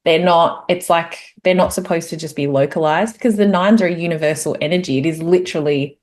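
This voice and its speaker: A woman hosting a casual group chat, bubbly and enthusiastic. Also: fairly low pitch. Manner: bubbly, enthusiastic, fast-rising excitement. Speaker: host.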